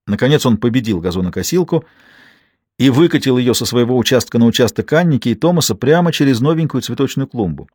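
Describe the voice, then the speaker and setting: A man narrating an audiobook with a steady, even reading. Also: medium pitch, fast, husky, dry recording, clean studio sound. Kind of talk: scripted narration.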